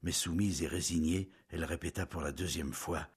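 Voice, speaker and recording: A man reading a novel aloud in scripted narration, measured and intimate, often dropping to a hush. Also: a bass voice, steady tone, breathy edge.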